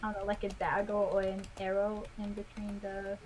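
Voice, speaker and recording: A woman's voice: medium pitch, monotone, moderate pace, noisy background. A woman playing in a tabletop game, talking hesitantly with many fillers. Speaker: player. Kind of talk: casual tabletop game chat.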